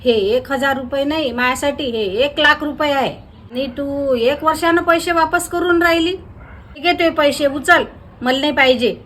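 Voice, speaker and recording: A woman acts in a village comedy sketch. Her high voice sounds indignant and argumentative. Faint noise sits behind her. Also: normal speed, a bit bright.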